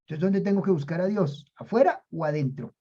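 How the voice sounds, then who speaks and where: A woman leads a Bible class in a warm, mellow voice. She drives her points home by repeating key phrases and asking listeners to say them out loud. The recording sounds a little dull and lo-fi. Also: lowish voice, brisk, slightly rough. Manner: emphatic, repeats key phrases, urges listeners to say lines aloud. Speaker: Bible teacher.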